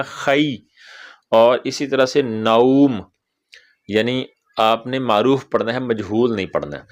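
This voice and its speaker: A male Quran teacher giving a tajweed lesson, speaking slowly and deliberately and drawing out example words to show how they should sound. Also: medium pitch. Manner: slow, deliberate, stretches out example words and repeats them. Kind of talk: tajweed lesson on pronouncing the call to prayer.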